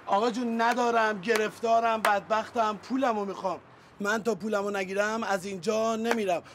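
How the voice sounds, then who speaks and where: A man playing a stubborn, unpaid driver in a TV drama pleads and protests for his money. His voice is very high, with faint street noise behind. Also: fairly even intonation, lightly acted. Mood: insistent. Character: stubborn unpaid male driver demanding wages. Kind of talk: TV series acting.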